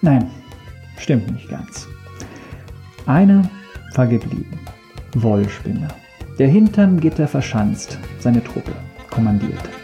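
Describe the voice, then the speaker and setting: A man's voice: medium pitch, very animated, slow, pauses often, warm tone, highs cut off, soft background music. A man narrating a satirical story in a dry, ironic, mock-serious tone.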